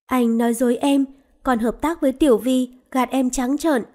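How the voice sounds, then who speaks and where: A woman's voice: sits high, fairly even intonation, normal speed, a little mellow, lightly acted. A woman voicing a hurt, hot-tempered young woman in a storybook romance, talking reproachfully. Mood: scolding.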